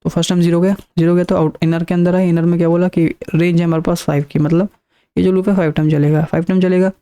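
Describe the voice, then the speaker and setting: Guy teaching coding, mellow voice, repeats stuff and counts it out slow. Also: on the high side, flat delivery, clear, resonant tone. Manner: explains step by step, repeats and counts aloud. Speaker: programming teacher. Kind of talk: screen-recorded coding lesson.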